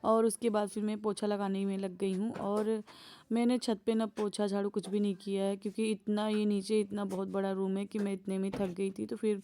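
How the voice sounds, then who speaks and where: A woman's voice: mid-range voice, little pitch movement, brisk. A woman vlogger narrating her daily chores in a homely, chatty voice-over. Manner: homely, chatty, gentle storytelling.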